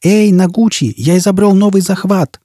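A man's voice: a little high, expressive, normal speed, slightly rough, dry recording, studio quality. A man voicing a flamboyant, hot-tempered rich showman who talks pompously and bellows. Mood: furious. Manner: bombastic, shouting.

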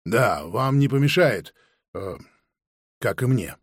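A man's voice: mid-range voice, animated, slow pace, husky, dry recording, clean studio sound, full character voice. A man doing a brusque, cocky leader. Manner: curt commanding orders.

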